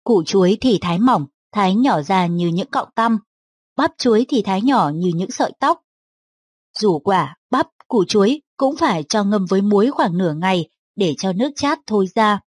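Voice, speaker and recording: A woman narrating a novel in a calm, steady audiobook reading. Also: mid-range voice, normal speed, husky, no echo.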